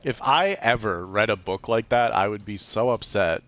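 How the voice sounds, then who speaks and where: A man's voice: lowish voice, moderate pace, a bit bright, highs cut off. A male streamer chatting casually on a live stream, rambling and saying "like" constantly. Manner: rambling, heavy use of "like".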